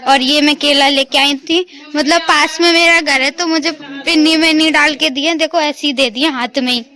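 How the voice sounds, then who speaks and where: A woman's voice: sits high, steady tone, normal speed, pushed and bright. A young woman vlogging casually outdoors in her neighbourhood, chatting and teasing the kids around her as she films on a phone. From India. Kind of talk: casual family vlog chat.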